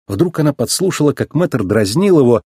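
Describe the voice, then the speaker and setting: A man narrating a children's storybook aloud in an expressive, animated way, with a husky voice. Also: medium pitch, normal speed, dry recording, clean studio sound. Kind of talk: storybook reading.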